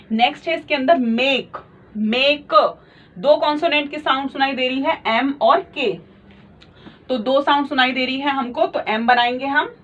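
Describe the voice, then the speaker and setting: Female teacher, patient and repetitive, slightly high voice, dull lo-fi mic. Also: fairly bright tone. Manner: slow, patient, repeats each point, mixes English terms into Hindi. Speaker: shorthand teacher. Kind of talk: explaining lesson at a board. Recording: muffled lo-fi audio.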